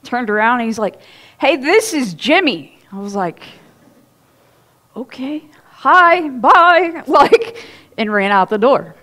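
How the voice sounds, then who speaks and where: This Ohio pastor, a woman in her thirties, speaks slowly in a high-sitting voice as she delivers a sermon from a church stage. Her style is relaxed storytelling: lively, talkative, and sprinkled with laughter and side remarks.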